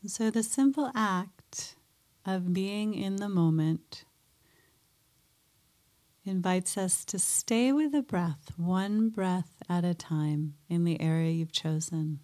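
A woman guiding a mindfulness meditation in a soft, gentle way, pausing often between phrases. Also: on the low side. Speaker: meditation teacher.

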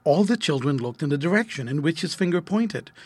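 A man narrating a children's storybook aloud in an expressive, lively read. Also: on the high side, brisk, breathy edge, no room sound, studio quality.

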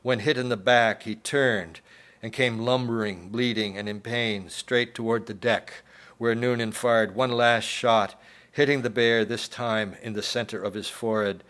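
A man reading his own short story aloud to an audience at a college event, in a measured, steady storytelling manner. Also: on the low side. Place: college humanities center event.

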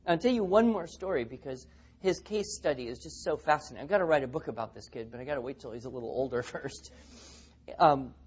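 A man's voice: medium pitch, lively intonation, fast, darkish tone, slightly rough, dull audio. A man speaking at a teaching seminar, telling stories and acting out the quotes. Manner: storytelling, acts out quotes. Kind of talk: seminar talk with anecdotes.

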